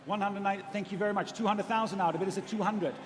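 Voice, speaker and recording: Male auctioneer, high voice, chanting numbers and courteous bid prompts at speed; long room reverb. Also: steady tone, slight background noise. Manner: rapid, repetitive chanting of figures with polite prompts to bidders. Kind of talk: live auctioneer's bid calling.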